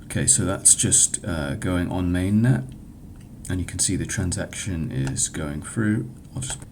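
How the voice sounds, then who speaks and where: A man giving an informal software demo walkthrough as a developer, speaking in a hesitant, halting way with frequent stumbles. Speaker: hackathon developer presenting own project. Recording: clear background noise with low rumble.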